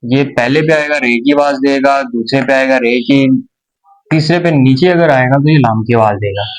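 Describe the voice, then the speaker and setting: Slow, patient man teaching a language. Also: medium pitch, poor audio. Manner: slow, patient explanation with pauses and repetitions. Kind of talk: explaining a lesson.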